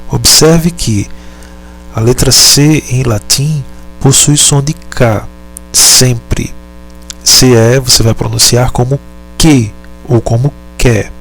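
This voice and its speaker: A man teaching a lesson, speaking deliberately, pausing often and correcting himself. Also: medium pitch, fairly bright tone. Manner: deliberate, halting, repeats and self-corrects. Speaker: Latin teacher. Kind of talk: slow explanatory lesson.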